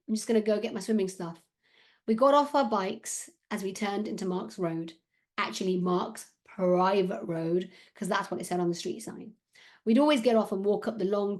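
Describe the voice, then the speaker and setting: A woman author reading the first chapter of her children's novel, in an expressive, steady storytelling manner. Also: medium pitch.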